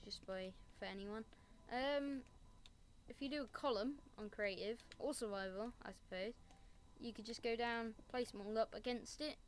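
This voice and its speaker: A fairly high-pitched woman, recorded with a little hiss or hum, offers casual Minecraft building commentary. She drifts from point to point and mocks herself along the way.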